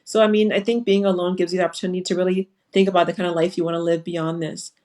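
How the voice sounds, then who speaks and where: A woman talks in a low, even register over a video call. She sounds earnest and reflective as a panel guest, often pausing with fillers. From Liberia. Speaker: foundation founder and panel guest. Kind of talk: casual panel talk on a live webinar.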